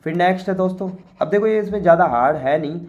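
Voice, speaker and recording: A man with an Indian accent teaches by walking through an exam paper, chatting as he goes, often saying "okay" and reading English lines slowly. His voice is high with a darkish tone.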